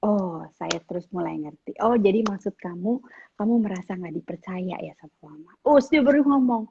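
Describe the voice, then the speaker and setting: A woman's voice: mid-range voice, moderate pace, vocal fry, slightly rough, dull audio. A middle-aged woman giving casual advice to teenagers, telling stories and acting out what family members say. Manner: animated storytelling, acts out quoted family members. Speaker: guest speaker on parenting.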